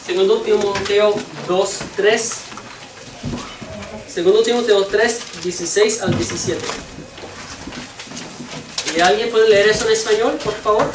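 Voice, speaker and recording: A teacher with a mid-range, fairly evenly intoned voice delivers a bilingual lesson, speaking haltingly while working out translations. English is the teacher's native language, and the audio comes from a distant mic in a noisy, echoey room.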